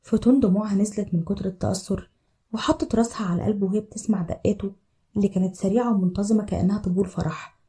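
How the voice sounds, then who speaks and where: A woman with an Egyptian accent narrates a scripted story at a racing clip. Her tone is dark and mellow, and her delivery stays even throughout. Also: mid-range voice, rapid-fire. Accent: Egyptian Arabic.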